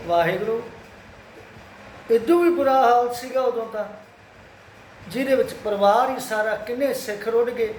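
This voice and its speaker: High-voiced man consoling listeners. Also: normal speed, long pauses, a little mellow, roomy sound, a little hiss or hum, poor audio. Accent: Punjabi. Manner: consoling, exhorting, repeats pleas. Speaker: Sikh social media speaker. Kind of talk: earnest address to followers.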